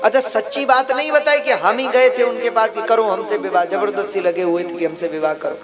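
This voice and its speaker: A male preacher narrates a sacred story with lively, animated delivery and breaks into sung verses and chants. His voice sits high. Instrumental music plays clearly behind him at a live event. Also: a little fast. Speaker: religious storyteller. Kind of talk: devotional story sermon.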